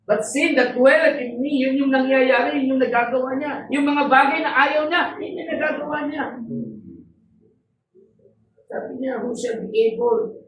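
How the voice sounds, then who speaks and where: A woman preaches to her congregation in a high voice, stressing words and asking the room rhetorical questions. The recording is roomy and echoey, picked up from a distance. Faint ambient noise sits behind her. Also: fairly even intonation, normal speed, long pauses. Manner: code-switching, rhetorical questions, emphatic. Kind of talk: sermon to a congregation. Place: church hall.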